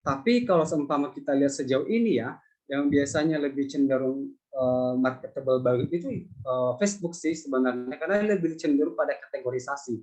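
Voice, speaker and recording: A man's voice: mid-range voice, brisk, a little mellow, low-quality recording. A male lecturer answering student questions in a conversational public lecture, with many fillers and repeated phrases.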